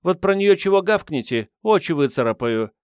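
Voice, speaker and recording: A man's voice: sits high, animated, normal speed, smooth, no echo, studio quality, voice pushed up. A man doing a brash homeless teenage girl. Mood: cheeky. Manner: brash street slang, unbothered. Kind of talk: audiobook reading.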